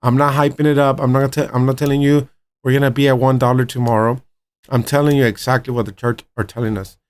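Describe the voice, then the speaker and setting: A man's voice: medium pitch, steady tone, fast talker, clean tone. A man hosting his own trading channel, talking viewers through charts and checking in with them often. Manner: upbeat, repeats "all right" and "right" as check-ins; talks straight to viewers as "my friends" and "guys". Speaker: crypto trading channel host. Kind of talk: live chart analysis commentary.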